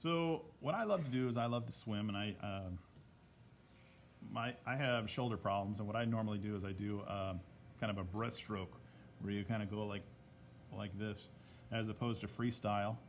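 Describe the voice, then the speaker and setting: A man's voice: on the low side, moderate pace, a little hiss or hum. A man chatting casually while leading a drawing lesson to a live audience, greeting viewers by name along the way. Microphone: tablet microphone.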